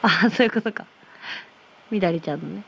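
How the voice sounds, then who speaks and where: A woman's voice: medium pitch, fairly quick, gravelly, slight background noise. A woman hosting a casual livestream from her phone, reading viewer comments aloud and answering with playful, teasing replies. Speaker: livestream host.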